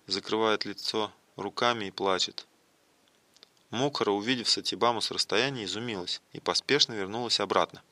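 A man reads the stage directions of a devotional play quietly and plainly. His tone is bright, and the sound is close and dry. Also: lowish voice, brisk, no echo. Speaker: narrator. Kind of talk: dramatic reading of a devotional play.

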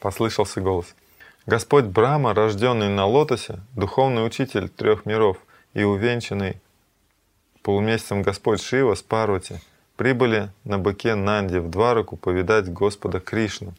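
Low-voiced man reading a devotional drama. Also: normal speed. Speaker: reader.

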